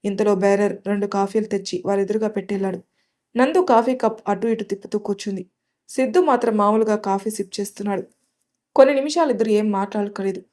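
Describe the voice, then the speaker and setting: A woman storyteller giving a calm, scripted narration of a love story. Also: medium pitch, fast talker.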